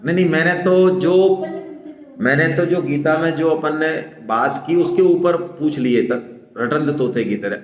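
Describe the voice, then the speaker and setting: A man with a Rajasthani Hindi accent gives a Gita seminar talk, explaining patiently and often checking "है ना?" with his listeners. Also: on the high side. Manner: explanatory, stresses syllables slowly, asks "है ना?" often. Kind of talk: religious discourse to a seminar audience. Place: seminar hall. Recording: echoey hall with long reverb.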